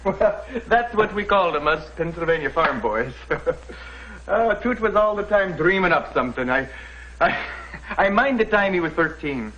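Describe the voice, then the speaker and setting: An actor playing a jovial Irish captain from the past in a scripted drama, with a leprechaun-like lilting brogue and folksy, chuckling manner. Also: male voice, sits high, expressive, normal speed, a bit bright, lo-fi sound, slight background noise. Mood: merry, folksy. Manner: chuckling, folksy, exclaiming storyteller. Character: jovial red-haired Irish-American steamboat captain from the past. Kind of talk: scripted educational drama acting.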